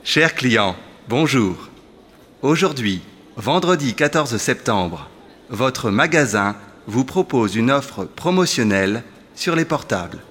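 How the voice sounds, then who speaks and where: A man reading a formal promotional announcement over a store loudspeaker. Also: medium pitch, very animated, slow pace, slight background noise. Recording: long store-hall reverb, faint ambience.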